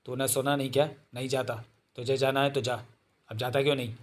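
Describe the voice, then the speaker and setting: Guy doing a hot-tempered young hero, curt and harsh, kinda quiet and flat. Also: medium pitch, fairly quick, close to an everyday voice. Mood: irritated. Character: hot-tempered young man, brusque and anguished.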